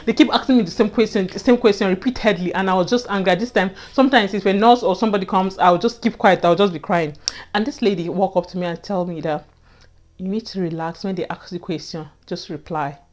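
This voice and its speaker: This young Nigerian vlogger talks fast in a mid-range voice, her Nigerian accent evident as she casually shares a personal story with her viewers on camera. She's earnest, repeats herself a lot, and keeps adding "you know."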